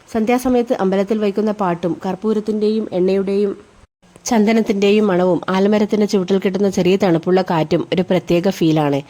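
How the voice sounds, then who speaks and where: Give me a woman playing a laid-back young college man in a storybook, mellow and warm. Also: mid-range voice, close to an everyday voice. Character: young male college student, easygoing younger brother.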